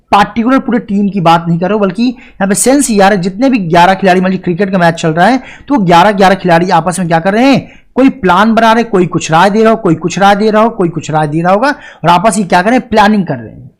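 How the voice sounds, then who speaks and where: Man teaching grammar, slow deliberate examples. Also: sits high. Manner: explains step by step, often asks and answers his own questions; reads English example sentences slowly and deliberately. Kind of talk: classroom lecture.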